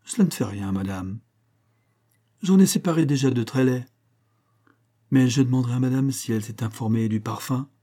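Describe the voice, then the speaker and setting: A man voicing a calm, scheming young female maid, politely deferential and matter-of-fact. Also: mid-range voice, moderate pace, long pauses, lightly acted.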